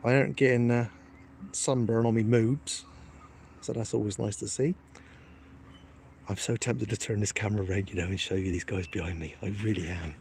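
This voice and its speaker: A man's voice: on the low side, steady tone, moderate pace, long pauses, darkish tone, a little hiss or hum. A man, live-streaming from his phone outdoors by the water, chatting casually with his viewers in a cheeky, joking, self-mocking way. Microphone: phone held in hand.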